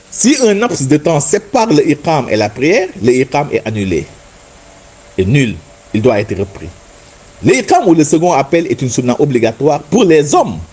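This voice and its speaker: A man's voice: on the high side, a little mellow, breathy edge. A man giving a patient religious lesson, explaining and demonstrating chanted Arabic words and often adding "n'est-ce pas". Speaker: religious teacher. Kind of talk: religious instruction talk.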